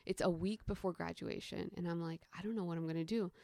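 Animated young woman telling stories. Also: fairly low pitch, fast talker, creaky, no room sound. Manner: animated, acts out quoted dialogue, frequent "like". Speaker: podcast guest, storyteller. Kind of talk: casual storytelling interview.

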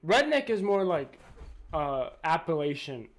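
High-voiced man rambling in casual banter. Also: very animated, measured pace, a bit bright. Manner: loose, rambling, swears casually. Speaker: podcast co-host.

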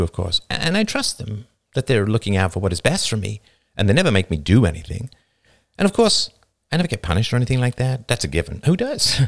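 A man reading the part of a content, earnest teenage girl in an audiobook, reflective and unhurried. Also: medium pitch, gravelly.

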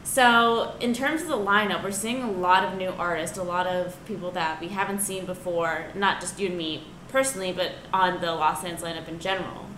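A woman's voice: fairly low pitch, steady tone, fairly quick, hardly any pauses, a bit bright. A young woman chatting casually and enthusiastically as a podcast co-host. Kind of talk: casual chat. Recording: roomy echo, clear background noise.

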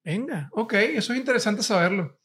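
A podcast host in loose, playful conversation who likes to repeat the guest's lines for fun. The voice sits at a middle pitch, with plain and easy delivery. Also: animated, moderate pace, a bit bright. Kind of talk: casual chat.

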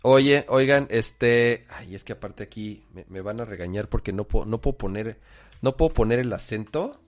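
A man's voice: fairly low pitch, lively intonation, normal speed. A man, eagerly chatting on a panel and stumbling through restarts. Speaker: co-host. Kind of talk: casual panel chat.

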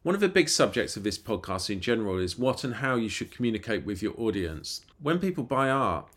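A man's voice: fairly low pitch, big pitch swings, a little fast, fairly bright tone. A man hosting a podcast, reading a scripted intro and asking questions in an earnest, encouraging way. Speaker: podcast host.

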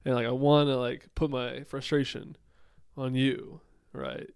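A man's voice: medium pitch, flat delivery, unhurried, vocal fry, a little mellow, clear, resonant tone, no echo, studio quality. A man in his late twenties in a casual, thoughtful chat with his partner, rambling with many fillers and restarts. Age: late 20s.

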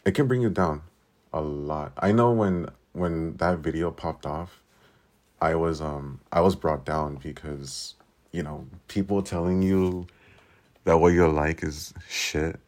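Very deep-voiced young man. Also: takes it slowly, a little mellow. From Southern California. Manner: rambling, filler-heavy with lots of "like" and frequent swearing. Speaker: podcast host. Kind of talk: casual solo monologue.

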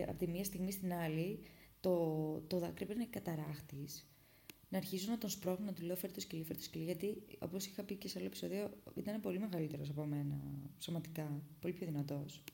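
A young woman from Greece tells a personal story to her viewers in a low, rough-edged voice with a dark, mellow tone. She retells it dramatically, sinking to hushed whispers and then breaking into loud bursts. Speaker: vlogger telling a personal story. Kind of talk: casual storytelling.

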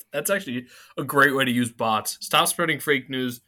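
A man co-hosting a sports podcast in casual banter, excitable and teasing, with slightly slurred, numb-mouthed speech. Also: mid-range voice, a little slow.

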